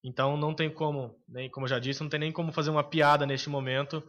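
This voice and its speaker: A man with a Brazilian Portuguese accent, co-hosting a podcast in casual sports chat, opinionated and hesitant with frequent filler pauses. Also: a little high, flat delivery, fairly bright tone, dull audio. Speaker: podcast co-host.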